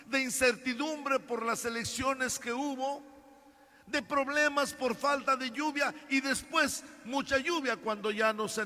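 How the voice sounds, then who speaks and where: A male pastor, preaching a sermon to his congregation with drawn-out emphasis. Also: extremely high pitch, pushed and bright. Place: church. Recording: echoey church hall.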